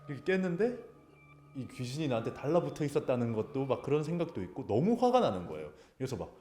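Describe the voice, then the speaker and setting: A man chatting casually and telling a ghost story, acting out his friends' lines and his own shouting with lively energy. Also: medium pitch, quick pace, roomy sound, a little hiss or hum. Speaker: guest storyteller.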